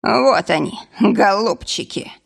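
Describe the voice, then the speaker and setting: Woman doing a gruff grumpy forester. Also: mid-range voice, expressive, takes it slowly, heavily acted. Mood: grumbling. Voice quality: rough. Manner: scolding, blunt. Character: gruff bearded middle-aged male forester, grumpy.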